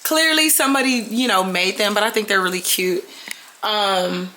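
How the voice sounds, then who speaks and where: A woman's voice: mid-range voice, moderate pace, bright, forceful tone, slight background noise. A woman in her thirties chatting casually at home in a vlog, candid and slangy, swearing freely. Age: 30s. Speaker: vlogger mom. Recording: echoey room with background music. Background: music.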